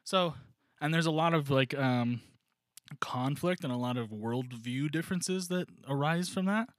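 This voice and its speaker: A man's voice: fairly high pitch, unhurried, no room sound. A man co-hosting a comedy podcast in casual chat, rambling and joking with lots of fillers. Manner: rambling, jokey, many fillers. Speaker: podcast co-host.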